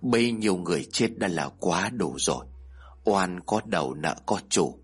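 A solemn old monk with a voice pushed well below the narrator's own, as a man puts him on. He speaks slowly, gravely and compassionately, with a husky edge to every word. The delivery suits a spoken ghost story. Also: low voice, expressive, pitched below the performer's own voice. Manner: slow, grave chanting delivery.

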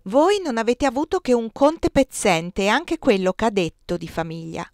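A woman's voice: on the low side, completely flat delivery, slow pace, gravelly, no room sound, studio quality. A woman reading aloud, voicing a haughty noblewoman nun who proudly boasts of her ancestry. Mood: boastful. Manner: proud, scornful, emphatic.

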